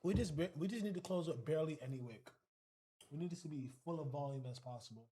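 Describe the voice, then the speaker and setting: A man's voice: on the high side, fast talker, mellow, breathy edge. A man hosting a trading livestream, giving casual, slangy live commentary and talking to his chat.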